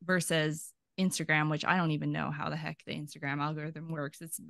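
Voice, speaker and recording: Bright, crisp woman chatting on a video call. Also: deep voice, brisk, no room sound, studio quality. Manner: chatty and animated, laughs easily. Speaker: podcast guest, archaeology PhD student. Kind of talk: casual interview chat.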